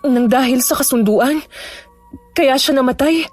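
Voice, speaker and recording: A woman's voice: high-pitched, unhurried, darkish tone, soft background music. A woman voicing a bewildered polite young woman. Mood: uneasy. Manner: polite, uncertain questioning. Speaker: character in a horror audio story.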